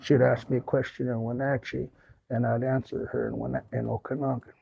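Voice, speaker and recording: As a guest speaker in a small hall, an older man from the U.S. Pacific Northwest spins folksy, rambling tales and fields audience questions. He talks briskly in a warm mid-range voice with a level tone, vocal fry, and a breathy edge, captured in a dry, low-quality recording.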